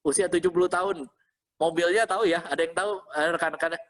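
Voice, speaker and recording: This pastor's voice sits high and creaky, and he talks fast. He delivers an informal, conversational sermon to an online congregation, animated and exhorting, repeating phrases and often checking in with listeners through short questions.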